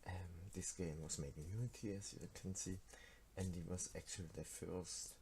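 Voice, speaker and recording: Speaking in a deep, dark voice with fairly even intonation and a moderate pace, a Swiss teenager presents his card game in a casual screen-recorded devlog. He's a game developer and native Swiss German speaker with a Swiss German accent, and he sounds hesitant, full of fillers and restarts. Slight background noise is audible.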